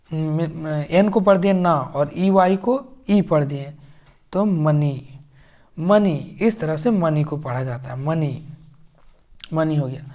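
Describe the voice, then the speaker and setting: A man teaching English phonics, sounding out words slowly and repeating them. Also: on the high side, darkish tone. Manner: slow, repetitive, drawn-out word sounding. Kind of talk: phonics lesson.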